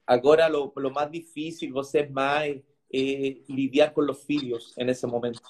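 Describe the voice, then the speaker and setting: A man, a pastor, telling his personal testimony in an interview, halting and repeating words for emphasis. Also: medium pitch, little pitch movement, a little mellow, a little hiss or hum.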